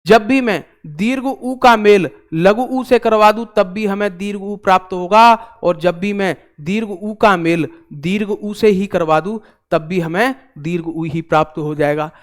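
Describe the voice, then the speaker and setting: A man's voice: high-pitched, a little slow. A man teaching an online exam-prep class, chatty and repetitive, with joking asides to his viewers.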